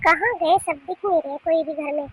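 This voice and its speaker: A woman voicing a nagging old mother-in-law in an animated cartoon, calling loudly for her daughters-in-law and questioning them. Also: very high-pitched, a little fast. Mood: fussy. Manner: scolding, questioning, loud calls.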